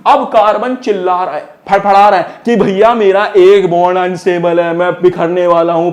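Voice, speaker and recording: A young man teaching a class-ten chemistry lesson, teasing and quizzing the student like an older brother. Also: high-pitched. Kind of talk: lively board-exam chemistry lesson.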